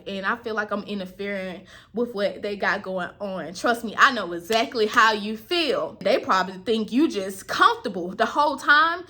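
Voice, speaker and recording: A woman with an American accent chatting casually to viewers in a candid, expressive, slangy vlog style. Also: on the high side. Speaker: vlogger.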